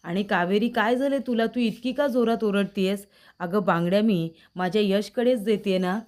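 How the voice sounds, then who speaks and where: A woman's voice: medium pitch, normal speed, darkish tone, natural voice. A woman voicing a worried, loving older mother who coaxes and frets over her son. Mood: worried, doting. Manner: coaxing, fretful.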